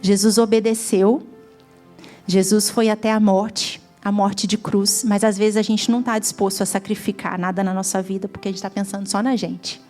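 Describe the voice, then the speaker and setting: A woman's voice: mid-range voice, flat delivery, normal speed, warm tone, soft background music. A woman from Brazil with a Brazilian Portuguese accent, giving a heartfelt testimony sermon at a church gathering that rises to fervent emphasis. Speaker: guest preacher.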